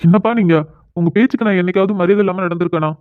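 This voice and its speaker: A man voicing a proud, quick-tempered young man in a cartoon drama, arguing bluntly. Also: high-pitched, fairly even intonation, dry recording, lightly acted. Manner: argues fast and bluntly. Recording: tinny phone-like sound.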